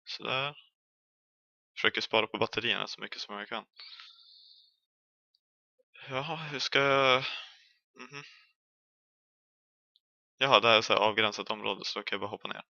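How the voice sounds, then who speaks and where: A man's voice: lowish voice, creaky, long pauses, sharp tone, no room sound, dull audio. A young man with a Swedish accent giving chatty, jokey commentary while playing a horror game, yelping when chased. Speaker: gaming streamer.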